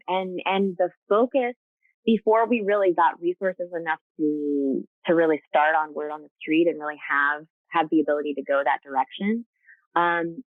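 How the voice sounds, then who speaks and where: A woman with a low voice, a rescue co-founder, is a guest in a casual video-call interview, speaking earnestly with many fillers and restarts. The audio is tinny and phone-like, with no room sound.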